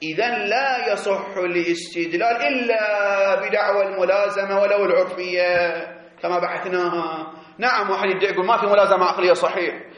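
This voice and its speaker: A man giving a seminary lecture, explaining animatedly and drawing out key words slowly. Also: high voice, fairly even intonation. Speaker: teacher of religious jurisprudence. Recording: echoey, dull lo-fi classroom recording.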